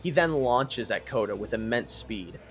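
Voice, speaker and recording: A man narrating a fan story in a dramatic, lively way. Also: medium pitch, moderate pace, creaky, soft background music.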